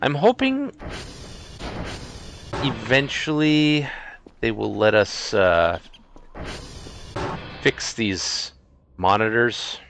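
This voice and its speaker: Chill guy streaming a game, really low voice but bouncy, chuckles a lot. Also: animated, extremely slow, vocal fry, pauses often, a bit bright, slight background noise. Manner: easygoing, chuckles often, rambling asides. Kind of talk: casual live-stream chat.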